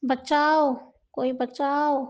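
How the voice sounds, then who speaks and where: A woman's voice: high-pitched, fairly even intonation, slow pace, a little mellow, dull audio, pitched above the performer's own voice. A woman voicing a frightened young bride who cries out and stammers in a trembling voice. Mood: frightened, tearful.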